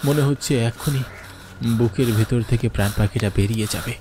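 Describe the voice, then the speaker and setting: For a horror cartoon, a man plays a terrified schoolteacher telling his own ghost story in the first person, dramatic and fearful, turning pleading in dialogue. His medium-pitched voice runs fairly quick and lightly acted, with a music bed and background noise underneath.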